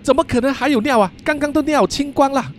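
A man doing a shrill, flustered young boy. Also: quick pace, slight background noise. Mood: flustered defiant. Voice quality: shrill and indignant. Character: panicky defiant young boy camping with his father.

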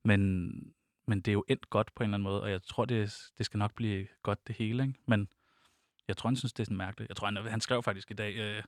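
A man's voice: lowish voice, steady tone, dry recording, clean studio sound. A young man speaking Danish, a guest telling personal stories in an interview, open and reflective, often laughing. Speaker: podcast guest.

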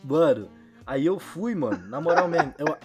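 Rio man talking thick street slang, highish voice. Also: very animated, normal speed, a little mellow, faint music behind. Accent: Rio de Janeiro. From São Gonçalo, Rio de Janeiro state, Brazil. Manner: Rio street slang, full of filler tags. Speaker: podcast storyteller. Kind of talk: casual podcast anecdote.

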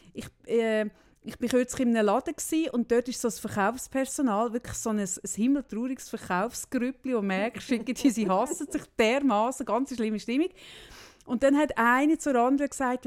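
A woman with a Swiss German accent chats casually and spins everyday anecdotes. She acts out both sides of a conversation as she goes. Her voice sits somewhat high. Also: normal speed. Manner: lively storyteller, acts out dialogue in anecdotes. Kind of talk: casual chat.

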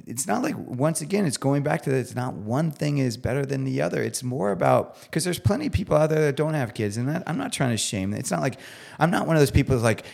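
A man with a gravelly, fry-tinged voice speaks as a podcast guest. His pitch sits in a middle range, and he talks earnestly and emphatically in relaxed conversation. He sounds heartfelt, close to tearing up at moments. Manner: heartfelt, gets teary. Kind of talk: casual conversational interview.

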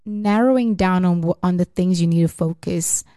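A chatty woman hosting a podcast, her voice mellow and warm-toned with a lively, laughing way of talking. The sound is dry and close, with no room around it. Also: fairly low pitch, normal speed, no room sound. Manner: chatty, animated, laughs often. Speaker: podcast host. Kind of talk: casual chat.

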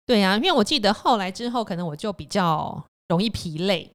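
A woman, a guest in a casual chat, responding in quick, lively reactions. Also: mid-range voice.

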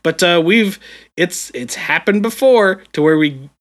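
A man's voice: high-pitched, lively intonation, a little slow, a bit bright. A man co-hosting a casual gaming podcast, rambling along with many fillers and restarts. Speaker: podcast co-host.

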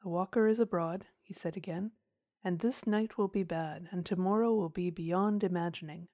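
A woman voicing an elderly rural English farmer who speaks in slow, weighty country speech, kindly but ominous. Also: lowish voice, dark tone, dry recording, clean studio sound, lightly acted. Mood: grave.

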